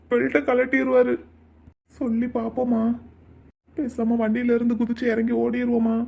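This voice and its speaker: A woman's voice: high voice, gravelly, darkish tone. Woman voicing a stubborn young cartoon man. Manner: pleading, stubborn. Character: college-bound young man, devoted to his brother.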